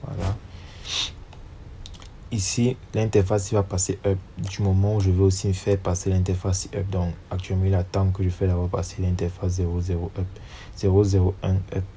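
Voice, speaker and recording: A networking instructor with a cold narrates a screen-recorded tutorial step by step, reading each command aloud and spelling out numbers as he types. His low, warm voice moves little in pitch at a normal speed, over slight background noise.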